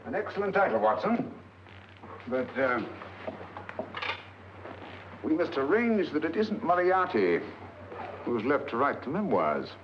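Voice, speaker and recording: Sherlock Holmes, crisp and commanding. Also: male voice, a little high, sing-song, measured pace, pauses often, a little hiss or hum. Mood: urgent. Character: brisk brilliant male detective, commanding. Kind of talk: 1940s film acting. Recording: dull 1940s film soundtrack.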